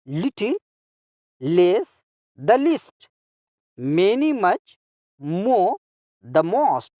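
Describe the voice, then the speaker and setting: Man, English teacher, grammar lesson, slow deliberate drilling, repeats each word form, very animated intonation. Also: sits high, dry recording, clean studio sound. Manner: explains and translates for children.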